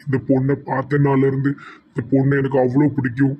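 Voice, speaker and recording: A man voicing a flat, anguished young lover. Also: medium pitch, fast, dull audio, slight background noise, close to an everyday voice. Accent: Tirunelveli Tamil. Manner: flat, lamenting, calls on god. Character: torn, soft-hearted young man in love.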